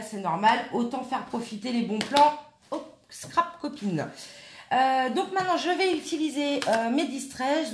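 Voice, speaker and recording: A woman's voice: fairly high pitch, a little hiss or hum. Chatty woman in echoey room. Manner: chatty, talks while working, answers viewers by name. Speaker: craft tutorial host. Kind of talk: live craft demonstration with chat replies.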